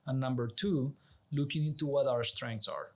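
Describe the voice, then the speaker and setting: Speaking at a moderate pace with a medium pitch, this man is an executive director being interviewed. He is a native Spanish speaker from Colombia with a Colombian accent, and he explains conversationally, sounding earnest and persuasive.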